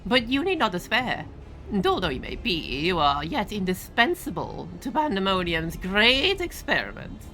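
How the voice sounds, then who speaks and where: A woman voicing a haughty, scornful father who speaks through a familiar, in a theatrical, drawn-out way. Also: mid-range voice, huge pitch swings, sharp tone, faint music behind, pitched above the performer's own voice. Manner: mocking, theatrical, drawn-out lines.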